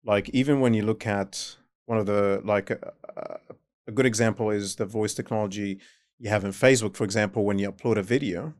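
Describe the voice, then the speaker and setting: This podcast host speaks a little fast in a fairly low, darkish voice with a steady tone and a non-native accent. Chatting casually with his guest, he asks probing questions and offers frequent short affirmations, captured in clean studio sound without echo.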